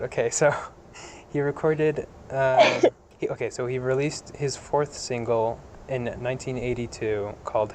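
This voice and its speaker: A man hosting a casual podcast chat at a middle pitch, reading out facts with lots of ums and restarts. A faint hiss sits under his voice. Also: darkish tone. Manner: reads facts with many fillers and laughs. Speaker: podcast host.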